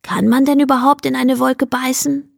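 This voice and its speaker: A woman voicing a gentle, curious young hare in a bedtime story, speaking softly and slowly. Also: a little high, very animated, breathy edge, no room sound, studio quality, exaggerated voice. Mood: wondering.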